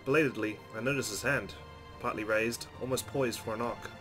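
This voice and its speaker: Over game music, a man hosts a let's play and expressively reads the game's story narration aloud. His voice is medium-pitched and a little fast, and the audio quality is poor.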